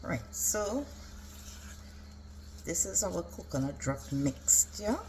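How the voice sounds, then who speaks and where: Low-voiced woman demonstrating cooking. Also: animated, slow, darkish tone, a little hiss or hum. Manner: instructional, step-by-step. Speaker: home cook presenting a recipe.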